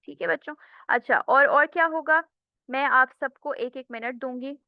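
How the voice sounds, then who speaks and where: A woman's voice: high-pitched, moderate pace, no room sound, lo-fi sound. A woman teaching an English lecture, explaining step by step and often checking in with the class.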